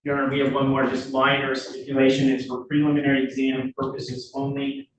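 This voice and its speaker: A man speaking as a prosecutor, formally questioning in court with halting, rephrased wording. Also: medium pitch, lo-fi sound. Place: indoor courtroom. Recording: very echoey courtroom, distant mic, clear noise.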